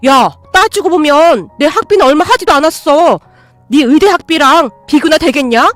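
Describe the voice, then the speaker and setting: A woman voicing a greedy, rude grown son who talks in a loud, demanding way. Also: high-pitched, moderate pace, dry recording, soft background music, close to an everyday voice.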